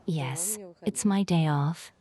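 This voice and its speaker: A woman's voice: lowish voice, takes it slowly, warm tone. A woman playing a young housemaid who protests her innocence, in the style of a dubbed soap opera. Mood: defensive.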